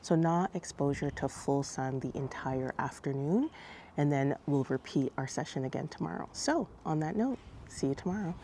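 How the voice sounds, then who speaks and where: A woman's voice: low-pitched, expressive, normal speed, dark tone, a little hiss or hum. A woman vlogging casually about her routine, talking informally and directly to her viewers, like a gardening host. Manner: chatty, informal, addressing viewers. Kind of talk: casual vlog chat to viewers.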